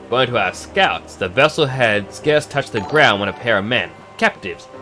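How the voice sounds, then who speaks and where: A man plays a courteous knightly officer in a fantasy game. The delivery is formal and measured at a medium pitch, with music underneath. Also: animated, pushed and bright. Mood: official, guarded. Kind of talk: reading fantasy game dialogue aloud. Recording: music behind the voice.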